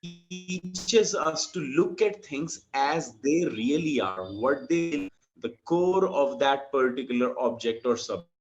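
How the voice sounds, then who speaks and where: A man's voice: mid-range voice, animated. A man teaching yoga philosophy in an online class, explaining patiently and checking that his student follows. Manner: patient, explains slowly with many checks for understanding. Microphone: video call. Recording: dull lo-fi video call audio with faint music.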